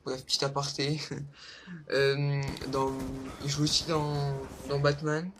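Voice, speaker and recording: A young man hosts a casual countdown vlog, speaking slowly in a higher-pitched voice with a completely flat delivery. He sounds hesitant, rambling off on tangents and filling gaps with lots of fillers. It's a low-quality home recording with a noisy background.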